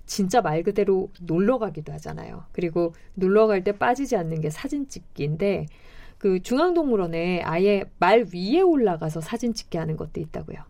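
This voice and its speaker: A woman's voice: mid-range voice, warm tone. A woman hosting a radio show, asking questions and linking segments in a conversational style. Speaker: radio host.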